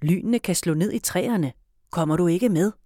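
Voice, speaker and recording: A woman voicing a kind old grandfather in a storybook reading, speaking calmly and gently, low and unhurried. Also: no echo, clean studio sound, lightly acted. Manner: calm, gentle.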